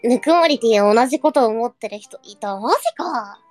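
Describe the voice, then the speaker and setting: A woman live streamer in casual chat, reading viewer comments and reacting with quick surprised asides, speaking standard Japanese with occasional Kansai dialect slipping in. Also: a little high, lively intonation, faint music behind.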